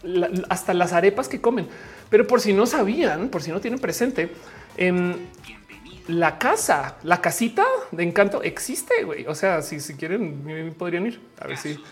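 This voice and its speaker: A woman's voice: on the low side, animated, moderate pace, soft background music. A woman from Bogotá whose Colombian accent has faded, with Mexican slang mixed in. She chats casually on a live stream, reads the chat aloud, swears lightly and laughs often.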